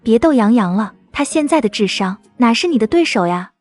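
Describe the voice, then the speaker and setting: A woman playing a gentle young aunt in an animated drama, who explains things patiently and soothingly. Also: on the high side, fairly quick, faint music behind.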